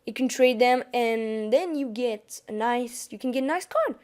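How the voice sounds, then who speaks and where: Narrating a card game on her screen capture, a young woman with a French accent chats casually for her gaming channel, frequently restarting sentences. She speaks at normal speed in a fairly high, animated voice with a darkish tone.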